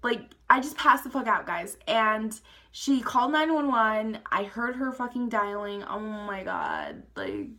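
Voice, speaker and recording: A young woman recounts a wild story straight to camera. Her voice is bright, and she rambles, swears freely and keeps breaking into laughs. It sounds like an informal storytime vlog. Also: fairly high pitch, sing-song, a little slow. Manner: rambling, profane, laughing, lots of "like" and "guys". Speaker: storytime vlogger.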